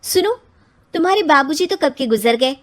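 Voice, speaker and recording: A woman's voice: high-pitched, lively intonation, normal speed, voice pushed up. A woman voicing a practical, coaxing young wife.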